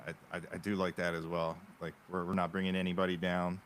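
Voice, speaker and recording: A man's voice: sits low, little pitch movement, quick pace, fairly bright tone, echoey room. A jokey man in casual podcast chat, stammering and rambling, with a heavily compressed, noise-gated voice. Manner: rambling, stammering with repeated word starts; jokey, often laughing.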